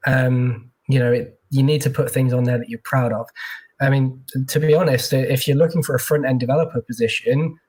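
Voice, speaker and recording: A man's voice: mid-range voice, fairly even intonation, brisk, a little mellow, husky. A man working as a tech recruiter, chatting casually in an interview with lots of fillers and restarts, heard over a video call.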